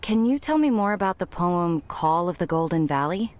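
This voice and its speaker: A woman's voice: fairly low pitch, big pitch swings, moderate pace, a little mellow. An actress playing an earnest, inquisitive young woman in video game dialogue, speaking sincerely. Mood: curious.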